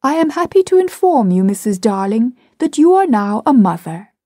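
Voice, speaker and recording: A woman plays a little boy putting on his father's pompous, formal tone in a storybook. The voice sits high and strong, husky at the edges, with a close, dry sound. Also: very animated, normal speed, mellow, dry recording.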